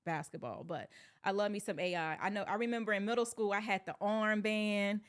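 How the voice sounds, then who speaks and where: A woman's voice: medium pitch, a little fast. A young woman raised in North Carolina, a sports PR manager, telling her story in an upbeat way as a podcast guest. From born in Alabama, raised in North Carolina. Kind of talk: casual interview chat.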